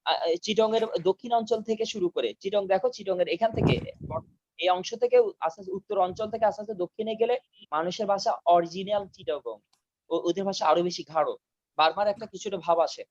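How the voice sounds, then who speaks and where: A high-pitched man lectures his students over a video call and repeats each key term slowly so they can write it down. The sound is dry and a little dull, like online call audio. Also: no room sound. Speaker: teacher. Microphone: video call mic.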